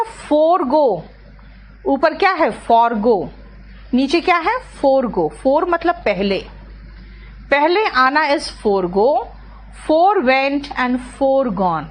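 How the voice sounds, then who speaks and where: A woman teacher, lecturing an online class, checking often whether students follow and calling on them by name. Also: high-pitched. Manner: explains slowly, checks often with "clear?" and "है ना". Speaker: English teacher.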